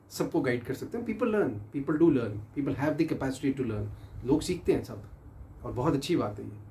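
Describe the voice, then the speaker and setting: A man who teaches English, going slowly through a pronunciation lesson and repeating each word for the learner. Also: mid-range voice, mellow, slight background noise. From Pakistan.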